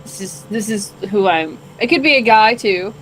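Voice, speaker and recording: A woman's voice: mid-range voice, expressive, normal speed, a bit bright, slight background noise, low-quality recording. Teasing, bawdy woman in improv. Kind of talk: in-character fantasy improv chat.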